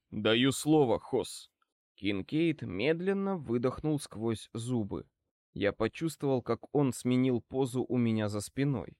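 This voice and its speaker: Brisk male audiobook narrator, dry sound. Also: mid-range voice, darkish tone, no room sound. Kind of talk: first-person audiobook narration.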